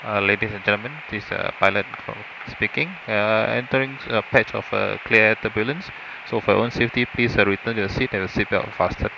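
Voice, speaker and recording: A male airline pilot gives a formal cockpit announcement in a fairly low, gravelly voice. He is measured and a little hesitant. The PA sound is dull, with aircraft noise behind it. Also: fairly even intonation. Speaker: airline pilot, first officer. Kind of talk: semi-scripted cockpit announcement.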